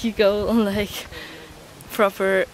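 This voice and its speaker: A young woman chatting excitedly on a hiking trip, filming herself at arm's length outdoors by a stream. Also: mid-range voice, takes it slowly, a little hiss or hum, low-quality recording. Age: young adult. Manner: chatty and excited, laughing often. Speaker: travel vlogger. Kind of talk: casual travel vlog. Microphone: camera phone held at arm's length.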